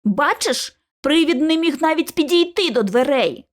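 A woman's voice: a little high, big pitch swings, brisk, darkish tone. A woman voicing a testy bookish young know-it-all. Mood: indignant.

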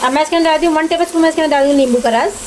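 Rapid-fire and high-voiced, a woman hosting a home cooking show narrates a recipe step by step in simple terms, frequently saying things twice. She stands at the stove in her home kitchen, where a sizzling pan, frying, and stirring fill the background with noise.

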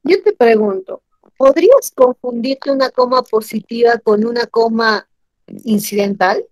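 Lady teacher, higher voice, keeps quizzing her class, dry close sound. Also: a little slow, no room sound, poor audio. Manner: animated, questions students often. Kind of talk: online grammar class.

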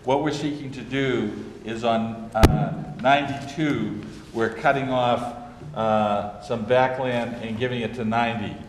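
The recording, made in an echoey council chamber with wood paneling and light noise, captures an older man explaining a lot plan at a public meeting. Walking around with a handheld mic, he addresses the planning board in a steady, medium-pitched voice, a little slowly, with many fillers and restarts.

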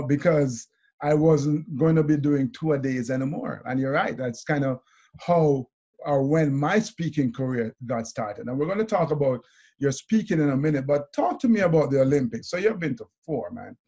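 Man, fifties, interview host, video call, animated, higher pitch. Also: normal speed. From Jamaica. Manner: animated, laughs often. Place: indoor room before a branded backdrop.

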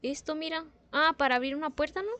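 High-pitched cute anime streamer woman. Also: steady tone, fast, bright, forceful tone. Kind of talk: casual live gaming chat, reacting.

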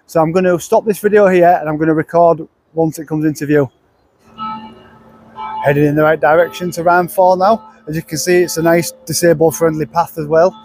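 A man's voice: a little high, steady tone, a little fast, darkish tone, husky, no echo, soft background music, poor audio. A man narrating a casual travel vlog outdoors. He talks chattily into a handheld camera, rambling with restarts. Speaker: travel vlogger. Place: outdoors at a car park and riverside path.

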